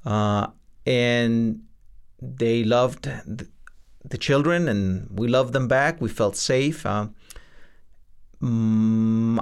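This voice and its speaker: Man, middle-aged, from El Salvador, gravelly, earnest, hesitant, interview guest. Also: mid-range voice. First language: Spanish. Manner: earnest, hesitant with many fillers. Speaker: guest, lawyer and adjunct law professor. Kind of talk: reflective interview answers.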